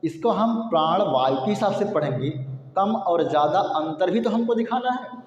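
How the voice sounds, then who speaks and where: High-voiced male teacher in an echoey room. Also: animated, moderate pace, muffled recording. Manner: repetitive, explanatory, asks and answers own questions; demonstrates sounds aloud. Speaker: Hindi teacher. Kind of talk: classroom-style grammar lesson. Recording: echoey room with long reverb.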